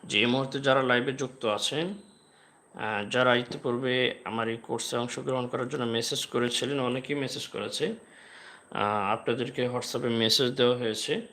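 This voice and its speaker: A man teaching the Arabic alphabet in a live online class, patiently explaining and repeating each letter sound slowly. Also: mid-range voice, fairly even intonation, pushed and bright, a little hiss or hum. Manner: slow drilled letter sounds with repeated examples.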